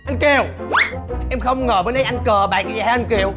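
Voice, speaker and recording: An actress in a sitcom playing a family member who teases and exclaims. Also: female voice, fairly high pitch, music in the background. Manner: teasing, quick exclamations. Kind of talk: sitcom acting.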